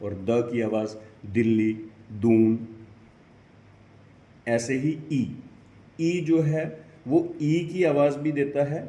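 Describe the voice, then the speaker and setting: Male pronunciation teacher, unhurried and mellow, spells sounds out step by step, roomy echo. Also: medium pitch. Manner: spells out sounds letter by letter, repetitive. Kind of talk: slow explanatory lesson. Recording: echoey room.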